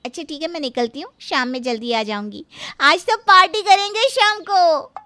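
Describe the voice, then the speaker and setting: A woman playing a pouty young sister-in-law, bright and high. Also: moderate pace, no room sound. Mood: sweet. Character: young woman, a sulky but sweet college-age sister-in-law.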